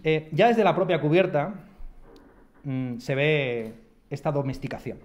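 A man's voice: on the high side, animated, a little slow. Wry Madrid man reading a lecture. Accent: Madrid Spanish. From Madrid, Spain. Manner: wry, self-deprecating asides. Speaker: philosopher giving a lecture. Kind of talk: read-aloud lecture. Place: lecture hall at a university residence.

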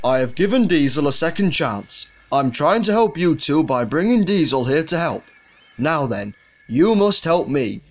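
A man's voice: on the high side, very animated, moderate pace. A man voicing a stern, middle-aged railway boss with a firm, authoritative manner.

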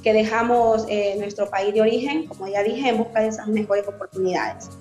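Her voice sits in the mid range, mellow and fairly even, moving a little fast. She's a thirtysomething author from Honduras, joining a remote interview by video call from a room in her house, and she hesitates thoughtfully, restarting often and using lots of fillers. Faint music plays under the roomy call audio.

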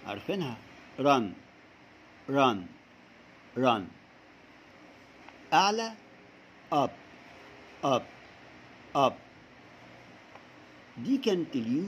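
Slow-drilling Egyptian man teaching English. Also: medium pitch, slight background noise. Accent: Egyptian Arabic. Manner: slow drilling repetition, stretching words. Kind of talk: recorded classroom lesson for young pupils.

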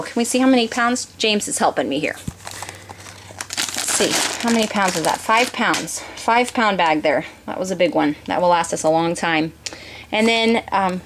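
A woman in her thirties chatting through a grocery haul vlog, reading prices off her receipt with pauses and fillers, filmed on a handheld camera in her home kitchen. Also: mid-range voice, a little hiss or hum. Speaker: homeschooling mother and vlogger.

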